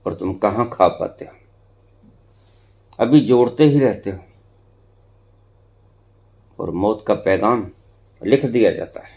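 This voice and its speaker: In a lo-fi recording, a spiritual teacher with a lowish voice addresses followers slowly, leaving long pauses. He shifts between hushed and emphatic speech and repeats phrases for effect.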